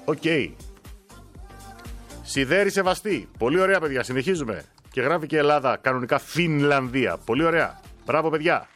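A man's voice: on the high side, expressive, a bit bright, faint music behind. A man hosting a casual live-stream prize draw, reading winners' names aloud with joking asides. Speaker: host drawing giveaway winners.

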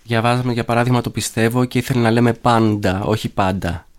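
A man's voice: medium pitch, monotone. Man reminiscing fondly as an interview guest. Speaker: guest recalling a former teacher.

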